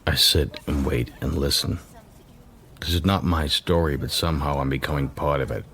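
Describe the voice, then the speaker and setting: Tom, deep-voiced watchful man. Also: fairly even intonation, normal speed, noisy background. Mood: brooding, confiding. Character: Tom, watchful worldly man sheltering a runaway, narrating his thoughts. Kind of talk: radio drama narration and dialogue. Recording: music under the voice.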